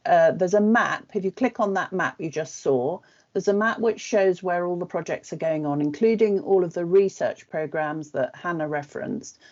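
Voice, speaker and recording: A woman presenting her organisation's work on a video call, brisk and with frequent ums. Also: low-pitched, darkish tone. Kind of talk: webinar presentation. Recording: muffled video call audio.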